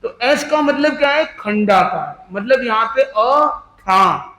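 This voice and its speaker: A man teaching a workshop class, slowly breaking sounds into syllables and asking the listeners questions. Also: extremely high pitch, sharp tone. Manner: slow, syllable by syllable, quizzing the class. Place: workshop room with an audience. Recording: echoey room.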